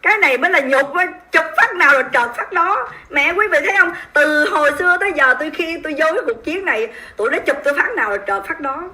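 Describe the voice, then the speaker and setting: A woman with a Southern Vietnamese accent hosts a livestream and comments on the news. She talks to her viewers in a high voice with a bright, sharp edge. Her delivery is emphatic and scornful. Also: animated, quick pace, few pauses. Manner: emphatic, indignant, mocking, speaks straight to viewers. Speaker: livestream host.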